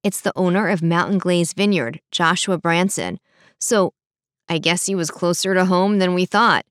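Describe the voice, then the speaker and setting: A woman voicing a calm, measured male police officer in an audiobook. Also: fairly low pitch, clear, resonant tone, no room sound, clean studio sound, natural voice.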